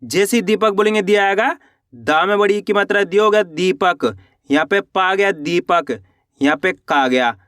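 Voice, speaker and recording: A man with a fairly high voice teaches a reading lesson. He sounds out each word one syllable at a time, then says the whole word in a lower, drawn-out tone. He keeps asking the class how to read it and answers his own questions. The recording is dry and close, with no room sound. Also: a bit bright, dry recording. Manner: slow syllable-by-syllable spelling, asks questions then answers them himself. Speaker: Hindi teacher.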